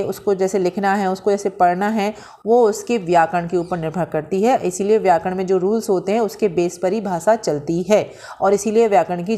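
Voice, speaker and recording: A woman teaching a Sanskrit grammar lesson from handwritten notes. She explains slowly, mixes English terms into her Hindi, asks questions and answers them herself, and draws out vowel sounds when she demonstrates them. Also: medium pitch, a little mellow.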